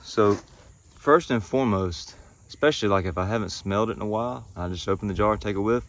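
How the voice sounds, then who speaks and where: A man in his thirties giving a casual review to camera, speaking in short phrases with unhurried pauses. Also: lowish voice. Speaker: pipe tobacco reviewer. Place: outdoors in a pine wood.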